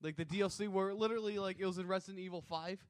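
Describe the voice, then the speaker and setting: A man's voice: sits high, steady tone, very fast, no echo, studio quality. A young man co-hosting a gaming podcast, out of breath, telling a story with lots of laughter and acted-out quotes. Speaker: podcast co-host. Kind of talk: casual gaming chat.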